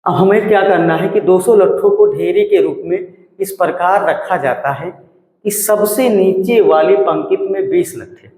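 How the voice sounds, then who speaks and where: A fairly high-voiced male maths teacher works through a problem step by step, asking questions and answering them himself. His voice bounces around a bare room with a long, ringing reverb. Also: moderate pace, a little mellow. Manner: asks and answers his own questions, repeats numbers. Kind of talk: classroom maths lesson.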